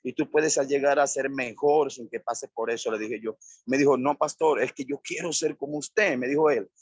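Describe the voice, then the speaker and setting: Husky-voiced male pastor preaching. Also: medium pitch, no echo, dull audio. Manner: repetitive, emphatic preaching with listed phrases. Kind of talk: sermon.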